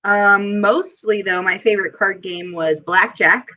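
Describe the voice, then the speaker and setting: A woman's voice: medium pitch, fairly even intonation, measured pace, bright, forceful tone, soft background music. A woman hosting a casual livestream chat, giggly and talkative, reading viewer comments aloud. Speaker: livestream host. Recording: dull lo-fi stream audio.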